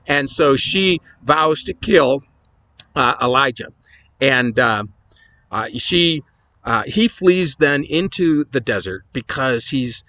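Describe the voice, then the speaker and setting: A man's voice: mid-range voice, a bit bright, dull audio. A man, a pastor, retelling Bible stories in a casual, conversational lesson with chatty asides.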